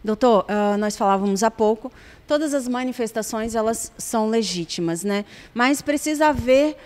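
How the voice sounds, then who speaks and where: A woman's voice: fairly high pitch, moderate pace, darkish tone, big-room sound. A woman reporter with a Brazilian Portuguese accent, politely asking interview questions. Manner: polite, addresses guest as doctor.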